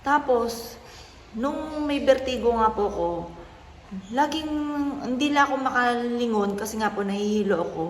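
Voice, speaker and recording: A woman, a mother telling a personal story in a soft, earnest, polite way. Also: fairly high pitch, normal speed, pauses often. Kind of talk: casual vlog talk. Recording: echoey room with faint noise.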